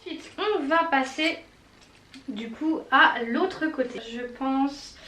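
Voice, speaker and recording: A beauty vlogger runs through a casual makeup tutorial, chatty and enthusiastic, full of fillers and little exclamations. Her voice is high-pitched, slow and sharp in tone. The mic is at a distance, giving a roomy echo with faint noise.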